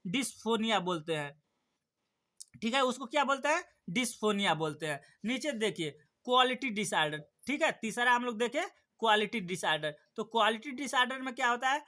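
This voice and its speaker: A man's voice: high voice, pushed and bright. A young man teaching an exam-prep lesson, asking the class questions and answering them himself. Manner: repetitive, rhetorical questions then answers.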